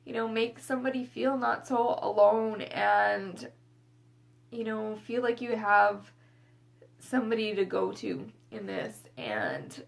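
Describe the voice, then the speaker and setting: A young woman speaks slowly to her camera, and her voice has a gravelly, creaky edge. She halts, restarts and repeats words, and she sounds close to tears. It plays as a personal vlog. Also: fairly high pitch. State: tearful. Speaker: vlogger.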